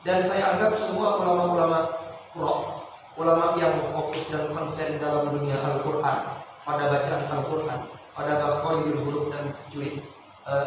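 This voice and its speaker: Brief: Javanese male recitation teacher, slightly high, tired voice, heard from afar in an echoey hall. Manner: explains then chants verses slowly in melodic tones. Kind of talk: Quran recitation lesson with chanted examples. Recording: echoey hall, distant mic, noisy.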